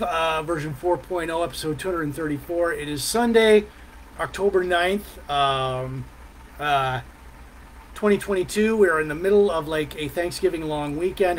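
A middle-aged man, chatting casually as a live vlog host in a halting, meandering way. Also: on the high side, slight background noise, poor audio. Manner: halting, meandering delivery with pauses and mm sounds. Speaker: host of a live music and beer review vlog. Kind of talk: casual rambling live chat. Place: small decorated room at home, indoors.

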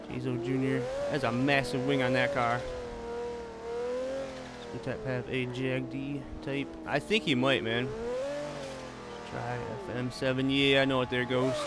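A man streaming a racing game live, chatting casually and answering viewers as he drives. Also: mid-range voice. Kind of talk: casual live gameplay commentary. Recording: loud car game sounds over voice. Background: racing game engine noise.

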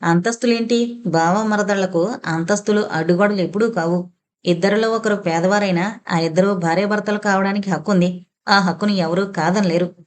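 A woman's voice: medium pitch, steady tone, normal speed, close to an everyday voice. A woman reading a proud, defiant young heroine. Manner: firm, scornful.

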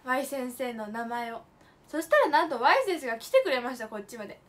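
A young woman with a high, light voice chats with her stream viewers. She tells her stories playfully and leans hard on her punchlines. She slips easily between polite phrasing and casual slang. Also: animated, a little fast. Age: late teens. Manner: chatty storytelling with playful emphatic asides. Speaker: idol livestream host. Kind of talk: casual livestream chat.

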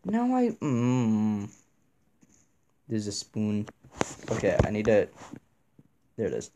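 A man's voice: fairly low pitch, wildly swooping pitch, takes it slowly, warm tone, a little hiss or hum. A young man playing a horror game, reacting nervously and swearing as he talks through it. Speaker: gamer.

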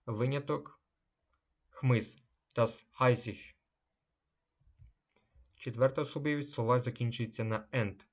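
A man giving a slow language lesson. He says each German word a little louder, then gives its translation. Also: mid-range voice, fairly even intonation. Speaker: German teacher.

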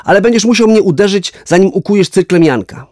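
A man's voice: sits high, quick pace, no room sound, clean studio sound, voice pushed up. A man voicing a brave young schoolboy in a children's story, speaking firmly and steadily. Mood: resolute. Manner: firm and steady. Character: brave, calm young schoolboy defending a friend.

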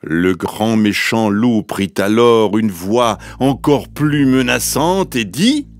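Gravelly man reading a children's story. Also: fairly low pitch. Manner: expressive, slow and deliberate. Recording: music playing underneath.

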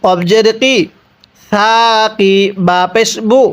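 A male Quran teacher from Bangladesh leads a slow lesson, spelling out each syllable. His voice is smooth and clear. He takes his time and patiently asks the listener to repeat after him. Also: high-pitched.

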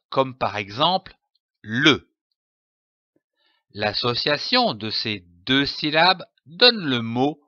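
A man giving a reading lesson, spelling out letters and sounding out each syllable clearly. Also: medium pitch, pushed and bright, no echo, dull audio. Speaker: reading teacher.

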